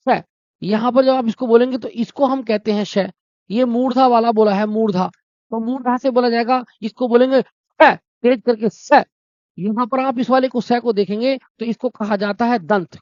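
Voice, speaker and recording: A man's voice: very high-pitched, a little mellow, no room sound. A man teaching a Hindi exam-prep lesson, explaining step by step, asking his own questions and answering them, and calling his students brother and friends. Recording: dry, dull lo-fi sound.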